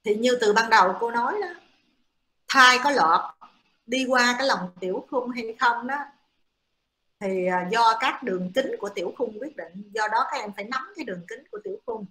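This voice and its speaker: A woman's voice: on the high side, animated, normal speed, sharp tone. A woman giving a classroom lecture to students, explaining step by step with many hesitant fillers. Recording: echoey room.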